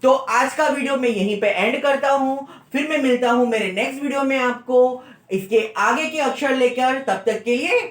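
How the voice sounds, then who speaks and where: A man's voice: extremely high pitch, normal speed, few pauses. A male school teacher giving a recorded lesson to young children, patiently repeating and spelling out letter sounds one at a time. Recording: roomy echo.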